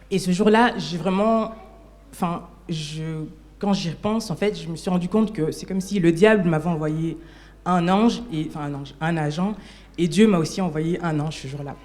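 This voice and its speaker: A woman telling her personal testimony to a church congregation, halting, often restarting and correcting herself. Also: deep voice, mellow. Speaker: church member giving a testimony. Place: church service hall.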